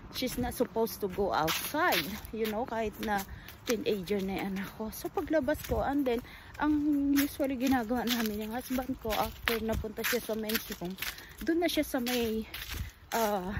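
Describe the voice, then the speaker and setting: Halting middle-aged woman vlogger. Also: fairly high pitch. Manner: halting, hesitant, with many pauses and fillers; switches between two languages mid-sentence. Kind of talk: casual personal storytelling vlog. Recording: steady background noise.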